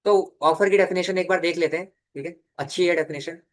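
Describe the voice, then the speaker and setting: A young man giving a law lecture, dictating definitions slowly and answering his own questions as he teaches. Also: high voice, steady tone. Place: classroom or studio.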